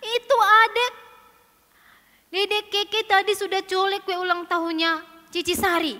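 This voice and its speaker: A woman voicing a bossy older sister girl who scolds and tattles in a shrill voice. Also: flat delivery, unhurried, bright, forceful tone, long reverb tail, heavily acted. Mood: wailing.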